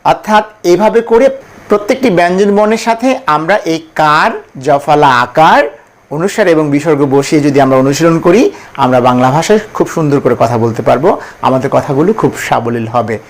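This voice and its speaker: A man with a Bangladeshi Bengali accent teaching a pronunciation lesson, drilling each letter and syllable slowly for the class to repeat. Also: a little high. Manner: slow, deliberate, syllable-by-syllable drilling.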